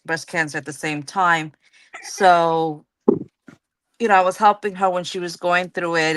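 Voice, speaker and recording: A woman's voice: fairly low pitch, sharp tone, no room sound. A woman hosting a casual live-stream chat, telling a story and acting out her own past lines. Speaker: host.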